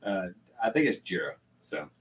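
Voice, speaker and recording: A man's voice: sits low, sing-song, normal speed, distant mic, poor audio. An older man hosting a casual live chat from his home bar, rambling with many restarts and fillers. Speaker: channel host.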